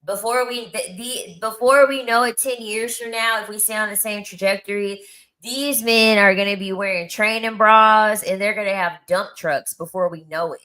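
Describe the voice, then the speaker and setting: A woman's voice: mid-range voice, steady tone, normal speed, pushed and bright. A woman chatting casually as host, telling stories from her day in a gossipy, laughing way. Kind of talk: casual livestream chat.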